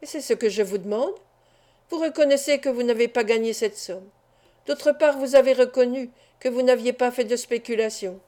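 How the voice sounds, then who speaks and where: A woman's voice: fairly high pitch, normal speed, dark tone, close to an everyday voice. A woman voicing a stern male investigating judge in an audiobook, questioning coldly and severely.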